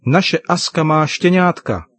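A man putting on an excited little boy. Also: fairly high pitch, voice pushed up. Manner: excited, pleading. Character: eager curious little boy.

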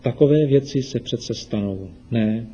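Man reading a patient, gentle mother. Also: mid-range voice, muffled recording, a little hiss or hum, natural voice.

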